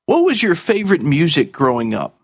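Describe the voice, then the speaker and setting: A man's voice: a little high, wildly swooping pitch, fairly quick, creaky, husky. A man hosting an interview in a formal radio style, introducing his guest and putting questions. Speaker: interview host.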